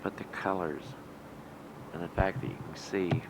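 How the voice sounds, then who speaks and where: A man with a very low, deep voice talks casually as he films, making easygoing, admiring remarks. The sound is old camcorder audio from the built-in mic, with a thick wash of tape hiss underneath. He is outdoors beside a lake. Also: level tone, normal speed. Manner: chatty, admiring remarks on the scenery. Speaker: home video camera operator. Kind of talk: casual home-video narration. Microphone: built-in camcorder microphone.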